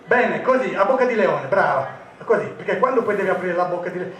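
High-voiced joking stage magician man. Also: animated, fairly quick, a bit bright. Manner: jokey, teasing patter with volunteers. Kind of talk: comic magic show patter to a live audience. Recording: echoey, distant stage recording.

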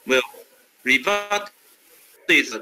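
A man's voice: on the high side, lively intonation, pushed and bright. A man on a conference call whose audio keeps cutting out into glitchy fragments, in a technical meeting discussion. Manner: halting, fragmented, words drop out mid-sentence. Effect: choppy, glitchy call audio cutting out. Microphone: remote call audio. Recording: noisy, glitchy internet call line.

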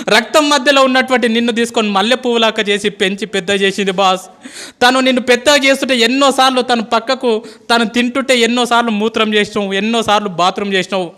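High-voiced impassioned male teacher. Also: bright, forceful tone, smooth. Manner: impassioned, pleading, calls listeners "boss". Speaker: school teacher. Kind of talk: motivational speech to students.

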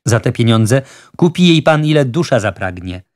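A man's voice: medium pitch, lively intonation, normal speed, close to an everyday voice. A man voicing a genial, talkative wealthy judge who persuades with fussy good humor. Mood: urgent.

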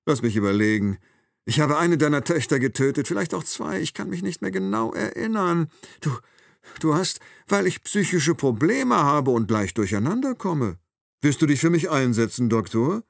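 A man's voice: a little high, sing-song, moderate pace, gravelly, no echo, studio quality, voice pushed up. A man reading an audiobook, voicing a cold, mocking male killer who taunts his captive with sarcasm. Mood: taunting.

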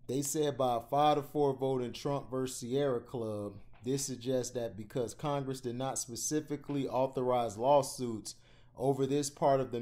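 A man reads a news article aloud for his own channel, in a plain voice of average pitch. He trips over words now and then and corrects himself before going on. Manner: stumbles and corrects himself while reading; gets louder and higher when he starts giving his own opinion. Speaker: channel host reading news.

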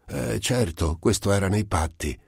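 A man's voice: measured pace, vocal fry, a little mellow, husky, dry recording, clean studio sound, exaggerated voice. A man reading an audiobook, voicing a timid elderly scientist who protests fussily in a raised voice. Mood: meek. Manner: fussy, pleading, higher put-on voice. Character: elderly male scientist, timid, gently irritable.

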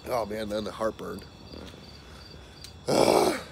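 A young man with a fairly deep voice talks casually to a camera in a backyard. He is suffering from a burning mouth, so he speaks haltingly and repeats himself. Clear cricket and outdoor noise sits behind him. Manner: halting, repetitive, groaning. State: mouth burning from hot peppers, coughing. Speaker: vlogger doing a pepper-eating challenge. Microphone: camera mic a short distance away. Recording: noisy outdoor camera audio, insects. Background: crickets and outdoor ambience.

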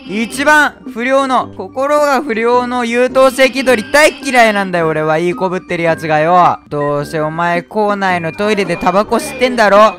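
A hoarse man doing loud, rowdy horror game commentary, shouting insults at the game. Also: high-pitched, moderate pace, hardly any pauses. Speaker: game streamer.

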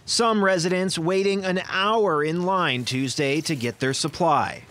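A young man reporting from the field as a news reporter, with a measured, formal delivery. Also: on the high side, very noisy.

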